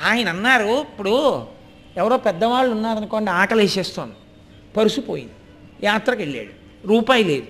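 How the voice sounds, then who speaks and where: A middle-aged man giving a devotional storytelling discourse, animated and speaking straight to his listeners. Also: sits high, fairly quick, long pauses. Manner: animated, addresses listeners directly, acts out voices and chants Sanskrit verses.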